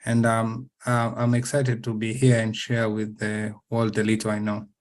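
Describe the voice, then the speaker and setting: A man's voice: fairly low pitch, monotone, moderate pace. A young man from Tanzania introducing himself on a video call panel, modest and slightly hesitant. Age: young adult. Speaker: panelist, pharmacy graduate. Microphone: laptop webcam video call.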